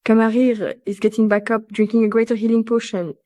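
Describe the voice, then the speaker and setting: A woman's voice: on the high side, little pitch movement, a little fast, mellow. A woman playing a bard character in a tabletop game, matter-of-fact as she describes her actions. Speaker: player. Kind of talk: tabletop role-play.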